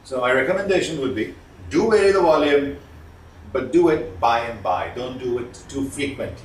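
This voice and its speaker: A male communication trainer lectures viewers in an instructional style, deliberate and emphatic, pausing between points. His medium-pitched voice has lively intonation, and the recording is roomy with a distant mic and faint background noise.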